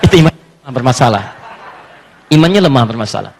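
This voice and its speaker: A man preaching a sermon in a mosque hall. He questions his listeners and swings between emphatic urging and hushed lines. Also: medium pitch, expressive, fairly quick, vocal fry, a little hiss or hum. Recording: long hall reverb.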